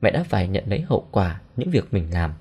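A man's voice: deep voice, big pitch swings, brisk, gravelly, warm tone, husky, exaggerated voice. A man reading the lines of a grieving older mother who confesses and pleads through tears, in a storybook reading. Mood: pleading. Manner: pleading, tearful.

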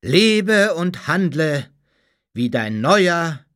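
A man voicing a solemn, unearthly voice of a higher being that proclaims slowly. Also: very animated, a bit bright, clear, resonant tone, no echo, studio quality, full character voice.

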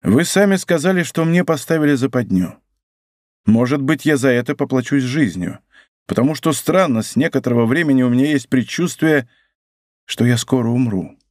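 A man reading an audiobook, voicing a lovesick duke making impassioned declarations to a queen, in a mid-pitched voice. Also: lively intonation, normal speed, darkish tone, dry recording, clean studio sound, natural voice. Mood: ardent. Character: lovesick English duke, ardent and fatalistic.

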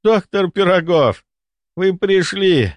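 A man's voice: high-pitched, expressive, takes it slowly, dry recording, pitched above the performer's own voice. A man voicing a panicked, melodramatic young male baron in an audiobook, wailing and overwrought. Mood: stunned.

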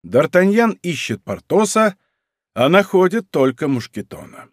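A man narrating a historical adventure novel as an audiobook, with expressive storytelling. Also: sits high, unhurried, no echo, studio quality. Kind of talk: scripted narration.

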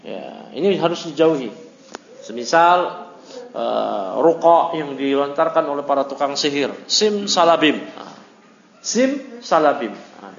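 A man with an Indonesian accent giving a religious study lecture, talking in a lively, conversational way and throwing in rhetorical questions. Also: a little high, vocal fry, slight background noise. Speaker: Islamic teacher. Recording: echoey, dull amateur lecture recording.

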